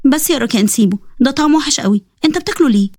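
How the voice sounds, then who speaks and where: A feisty young woman with an Egyptian accent, voiced by a woman in a storybook. She snaps out bossy retorts in a rather high voice at great speed. The sound is dry. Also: expressive, racing, darkish tone, no echo. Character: sharp-tongued young woman, feisty college student.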